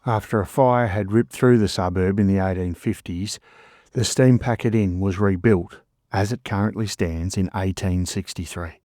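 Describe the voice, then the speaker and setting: A man's voice: deep voice, steady tone, normal speed, darkish tone, no echo, studio quality. An Australian man narrating scripted ghost stories as a storyteller host, in a suspenseful, dramatic manner with short phrases.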